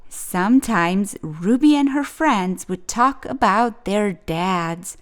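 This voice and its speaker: A woman reads from a children's picture book at a slow pace and medium pitch. Her storytelling is expressive, with each phrase clearly shaped.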